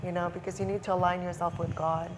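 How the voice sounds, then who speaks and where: A woman's voice: lowish voice, little pitch movement, fast. A young woman athlete answering interview questions earnestly and encouragingly. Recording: faint background noise.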